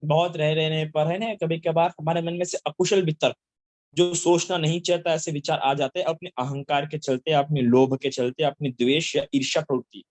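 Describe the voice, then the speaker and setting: A man telling a Buddhist Jataka story and its lesson to children, speaking haltingly with many fillers and restarts. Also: a little high, fairly even intonation, darkish tone, dry recording. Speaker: Buddhist teacher.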